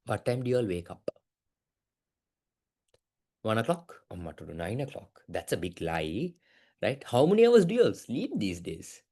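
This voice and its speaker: A young man teaching an online business class, asking lots of quick questions. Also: fairly low pitch, slightly rough. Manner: lively, keeps asking "right?", mixes in Sinhala words. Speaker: business studies tutor.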